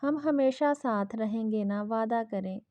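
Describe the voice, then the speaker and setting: A woman voicing a frightened, childlike young wife who pleads softly and then bristles, in a dull lo-fi recording. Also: fairly high pitch, dry recording, natural voice. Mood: fearful. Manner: timid and pleading, then indignant.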